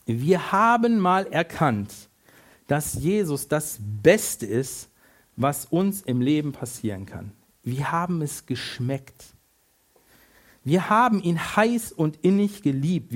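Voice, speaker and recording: A man with a high-pitched voice preaches, walking his listeners through a story as if it were happening to them. His delivery is lively and animated, full of rising excitement and sudden drops. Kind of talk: sermon with vivid second-person story.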